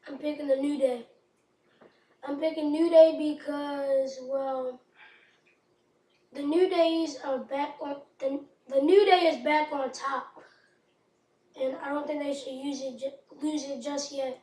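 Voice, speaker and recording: Hoarse female co-host, high flat voice, hesitant, far from the mic in an echoey room. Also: slow, long pauses. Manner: short, hesitant answers. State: hoarse, lost her voice. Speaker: co-host giving picks. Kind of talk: casual chat.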